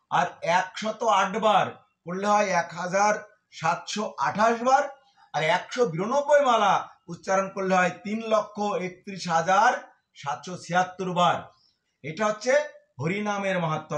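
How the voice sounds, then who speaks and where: A man's voice: sits high, a bit bright, roomy sound. A man giving a devotional scripture talk, explaining and counting out numbers step by step. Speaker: devotional speaker.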